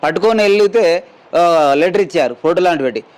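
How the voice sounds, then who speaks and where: A man's voice: high voice, animated, a little fast, darkish tone. A middle-aged man, telling an interviewer in a plain, rambling way what happened to him and quoting the people he met. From Telangana, India. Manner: plain rambling retelling, quotes others in dialogue. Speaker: injured mine worker telling his story. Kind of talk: spoken testimony to a news camera.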